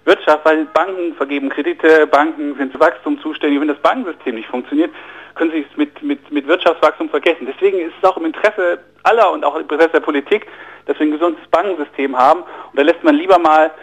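On a rough recording, a man with a slightly high voice talks fast as a guest in a radio interview. He explains finance earnestly, often restarting and repeating words partway through sentences.

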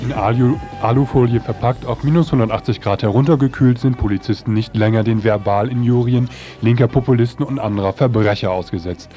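Acting as a radio presenter, a man briskly reads a scripted, satirical mock report in a medium-pitched voice. Music plays underneath, and the recording has a dull, lo-fi radio quality.

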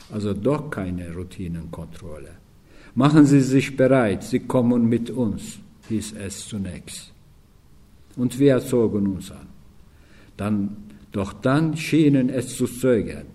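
A man reading a first-person memoir aloud in a calm, measured way, with occasional slips and restarts. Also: medium pitch.

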